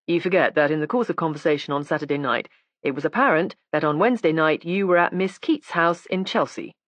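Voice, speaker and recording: A woman with a low voice reads an audiobook briskly, voicing a stern male police inspector who talks in a cool, clipped, ironic manner. She stays close to her everyday voice, and there's no room sound.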